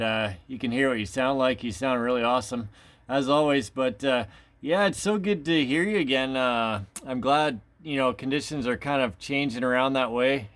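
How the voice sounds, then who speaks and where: With a medium-pitched, fairly bright and clean voice, a man chats casually during a radio contact. He is an amateur radio operator and video maker, coming across as affable and somewhat hesitant.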